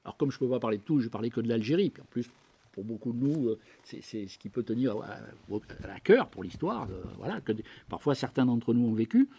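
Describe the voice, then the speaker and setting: A man's voice: mid-range voice, very animated, fast, warm tone, breathy edge. A man speaking as a guest at a public debate, lecturing conversationally to a live audience with many asides, hesitations and passages read aloud. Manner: reads historical documents aloud.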